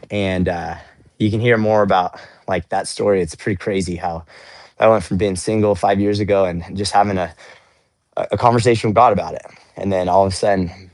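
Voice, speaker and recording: A young man with a fairly low voice talks earnestly and upbeat on a faith-based motivational livestream, often repeating words as he goes. He is outdoors in the snow, cooling off after a workout. The sound is dry and close. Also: dry recording. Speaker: livestream host.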